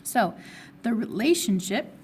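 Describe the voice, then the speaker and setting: A woman teacher with a hoarse, fading voice, working step by step through a recorded math review and asking herself questions before answering them. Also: mid-range voice, lively intonation, unhurried, darkish tone, slight background noise. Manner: steps through problems, asking and answering her own questions. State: hoarse, losing her voice, with coughs. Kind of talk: recorded test review lesson.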